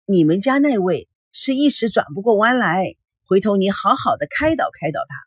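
A woman's voice: mid-range voice, expressive, moderate pace, slightly rough, no echo, studio quality. A woman voicing a meddling, gossipy woman who teases and exaggerates. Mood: teasing. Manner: teasing, exaggerated.

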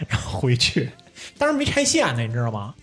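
Young male podcast host, lively swooping delivery, casual and profane. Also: medium pitch, moderate pace, slightly rough, soft background music. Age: young adult. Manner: animated storyteller, swears, laughs often. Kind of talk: casual chat.

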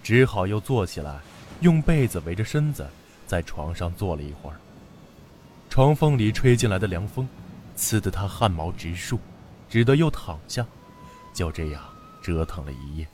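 Expressive man reading a children's story. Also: deep voice, normal speed, a little hiss or hum.

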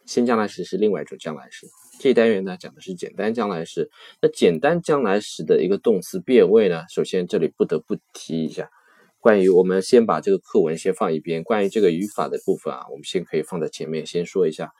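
A male language teacher explaining grammar in a deep voice, recorded dry and close. He is patient and slows down to repeat key verb endings several times. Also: mellow, no echo.

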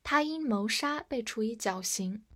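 A woman's voice: on the high side, expressive, measured pace. A woman teaching English vocabulary in a recorded lesson, spelling words letter by letter and having listeners repeat after her.

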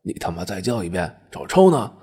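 A man voicing a ragged old peasant wife who nags and swears at her husband in a loud tirade. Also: fairly low pitch, sing-song, a little fast, husky, exaggerated voice. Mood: scolding.

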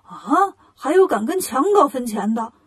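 Woman voicing greedy blustering bandits, gruff, breathy, storybook. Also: high voice, very animated, normal speed, full character voice.

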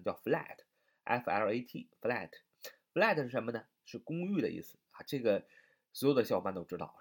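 A man's voice: mid-range voice, husky. A man teaching a vocabulary lesson, spelling words out letter by letter and asking and answering his own questions.

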